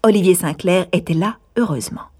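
Woman, audiobook narrator, measured storytelling, husky voice. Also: lowish voice, a little mellow. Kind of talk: scripted narration of a classic novel.

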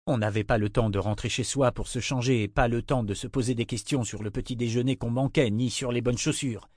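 A man narrates an audiobook in a steady, measured voice of middle pitch. The recording is dry and close, with no room sound around him. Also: no echo. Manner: even, measured reading. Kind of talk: scripted narration.

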